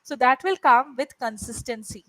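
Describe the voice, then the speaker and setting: Speaking with lively intonation at a normal speed, a high-voiced woman from India tutors English online; Malayalam is her first language. She's supportive and often asks "right?" to check in with her student. There's no echo, though the recording is rough.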